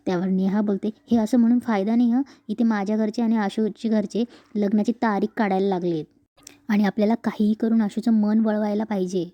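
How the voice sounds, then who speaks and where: A woman casually retelling a TV serial episode, switching quickly between narration and the characters' lines. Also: medium pitch, fairly even intonation, warm tone, dry recording.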